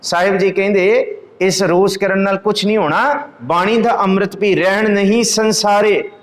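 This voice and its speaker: High-voiced man preaching in an echoey room. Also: steady tone. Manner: chants scripture lines slowly, then explains them. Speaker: Sikh preacher. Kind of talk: religious discourse on scripture.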